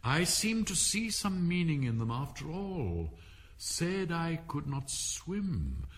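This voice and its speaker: A man's voice: on the high side, big pitch swings, takes it slowly, voice pushed up, full character voice. A man playing a pompous, self-satisfied old king in a storybook, emphatic and blustering. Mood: pondering. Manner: emphatic, pompous, pondering aloud.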